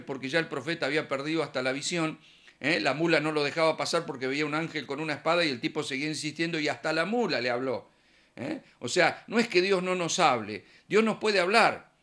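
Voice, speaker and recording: A man's voice: fairly high pitch, fairly bright tone. A man with a Rioplatense Spanish accent preaching a conversational sermon, acting out little dialogues in his examples.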